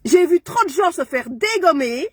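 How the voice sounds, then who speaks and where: A woman's voice: extremely high pitch, expressive, moderate pace, no room sound. A woman, ranting furiously on a social media live stream and punctuating her lines with "hein". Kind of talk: angry live-stream rant.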